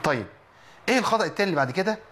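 A man with an Egyptian Arabic accent teaching Quran recitation, explaining quickly and reciting slowly to show mistakes. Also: sits high, animated, bright, forceful tone, a little hiss or hum. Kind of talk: tajweed lesson.

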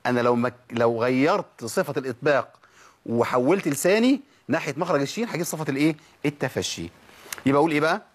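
A man with an Egyptian accent teaching Quran recitation, asking questions and answering them himself, and stretching out example syllables slowly. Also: a little high, lively intonation. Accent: Egyptian Arabic. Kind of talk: tajweed lesson.

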